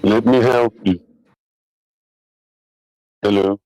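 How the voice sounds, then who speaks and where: A man's voice: lowish voice, steady tone, extremely slow, darkish tone, no echo. A male caller disguising himself with a voice changer, taunting and repeating his demands insistently in a combative call-in debate.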